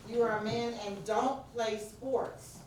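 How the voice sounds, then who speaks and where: Here the same kind of presenter, a woman with a deep voice and New York accent, takes things slowly and keeps an even tone while engaging her workshop audience and calling on them directly. The distant mic catches her in a very echoey room, with faint background noise.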